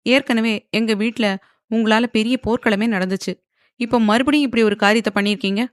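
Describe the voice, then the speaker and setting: A woman's voice: on the high side, steady tone, brisk, no echo, studio quality, voice pushed up, close to an everyday voice. A woman voicing a proud young woman who answers back angrily and sarcastically, in an audio novel. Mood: defiant. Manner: angry, sarcastic.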